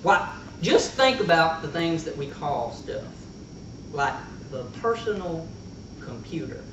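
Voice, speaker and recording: Telling a comic tall tale to a live crowd, a man uses a folksy country style and rustic slang, his fairly high voice animated but unhurried. The recording is distant, echoey and noisy, made in a meeting room.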